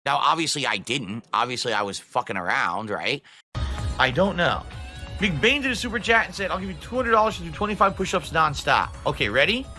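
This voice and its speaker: A man's voice: fairly high pitch, sing-song, a little fast, bright, forceful tone, faint music behind. A man talking bluntly and combatively as a streamer, in casual livestream talk. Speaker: video game streamer.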